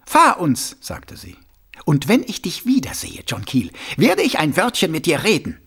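A haughty woman with a voice of pure ice in an audiobook, as a male reader puts her on. The voice sits high and swoops widely, with a gravelly, husky edge, and every word is cold and proud. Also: huge pitch swings, moderate pace, fairly bright tone, exaggerated voice. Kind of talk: audiobook character voice.

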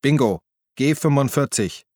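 A brash, commanding cop who barks orders and yells over the engine, as a man reads him. The voice is raised and a little higher than the reader's own, bone-dry and close with no room around it. It is an audiobook character voice. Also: expressive, a little slow, no echo, lightly acted. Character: brash male police officer, bossy daredevil driver.

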